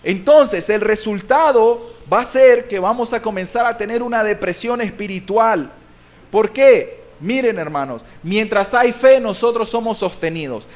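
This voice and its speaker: A Nicaraguan pastor preaches a sermon in a voice that sits high. His delivery swings between loud and soft, and he stretches out key words slowly for emphasis.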